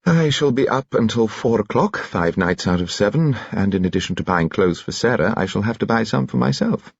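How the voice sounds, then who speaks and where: A man with a fairly low, creaky, slightly rough voice pitches it above his own to play a spirited, teasing elderly society mother, heavily acted, brisk, emphatic and playful. The recording is dry and muffled.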